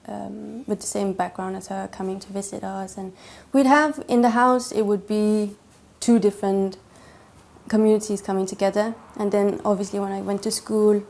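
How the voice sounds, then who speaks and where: A Danish woman tells her personal story in a testimony interview, hesitating often with many fillers and restarts. Her voice is medium in pitch and darkish, with some vocal fry.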